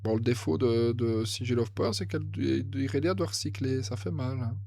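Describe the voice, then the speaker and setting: Excitable French card game commentator, man. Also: medium pitch, fairly quick, slight background noise. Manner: excitable, thinks aloud, corrects himself. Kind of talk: casual match commentary.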